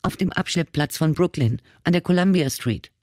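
Man putting on a frightened young girl, tearful, halting, very high for him, dry audiobook. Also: darkish tone, dry recording, close to an everyday voice. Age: young adult. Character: frightened young female espresso vendor, sobbing. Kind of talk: audiobook reading.

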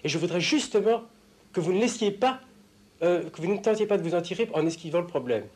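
A young man confronting his analyst in a heated argument, provocative, swinging between raised voice and hushed tones, caught on a portable tape recorder in an office. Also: high voice, lively intonation, fast talker. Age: young adult. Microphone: hidden portable tape recorder.

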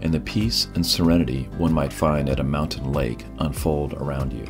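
A man giving calm, scripted narration for a sailing travel vlog. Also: a bass voice, moderate pace, music in the background.

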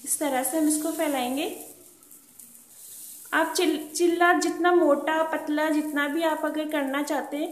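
A woman hosting her cooking channel, calmly and patiently walking through a recipe step by step at a gas stove in a home kitchen and repeating her tips. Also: high-pitched, a little slow. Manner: calm, patient instructional talk, repeats tips. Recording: roomy kitchen echo with pan sounds.

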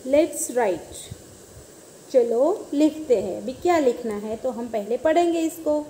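High-voiced Indian woman teaching slowly. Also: animated, dark tone, slight background noise. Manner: repeats words slowly and asks the class questions. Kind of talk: English lesson explained in Hindi.

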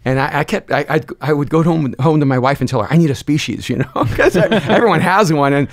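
In a dark podcast studio, a Salvadoran-born pastor and author in his sixties appears as a guest, telling stories reflectively and conversationally close to a boom-mounted studio mic. Expansive and gesturing a lot, he speaks in quick bursts that slow for emphasis, and his voice is a little high.

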